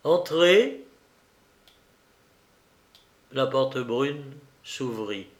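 A man reading a novel aloud with measured, dramatic pauses, in an echoey room. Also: medium pitch. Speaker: audiobook reader.

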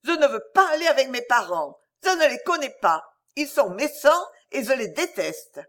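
A woman's voice: high-pitched, sing-song, normal speed, fairly bright tone, voice pushed up. A woman playing Louise, a pleading little girl. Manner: pleading, childish, sobbing insistence. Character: small clingy girl, passionate and stubborn.

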